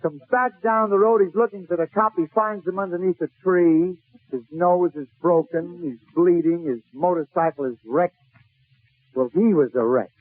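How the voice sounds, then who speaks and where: A male comedian with a high voice tells funny stories at a moderate pace in 1940s radio style, using theatrical, short, punchy phrases on a radio broadcast. The recording is tinny and narrow-band, typical of 1940s radio, with no echo.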